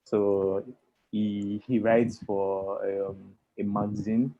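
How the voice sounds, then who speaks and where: Brief: low-voiced man, slow and measured, lo-fi call sound. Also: flat delivery. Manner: measured, quiet, with soft laughs. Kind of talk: casual video call chat. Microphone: video call. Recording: dull lo-fi call audio.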